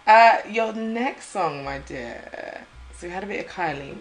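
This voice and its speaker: A woman hosting a relaxed chat with her guest, encouraging and easygoing, dropping casual slang. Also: medium pitch, measured pace, a loud crowd. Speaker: host.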